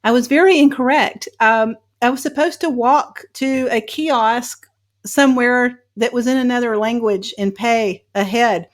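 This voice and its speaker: Female talk host, high bright-pitched voice, chatty and upbeat, easy conversational questions. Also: measured pace. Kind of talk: casual interview chat.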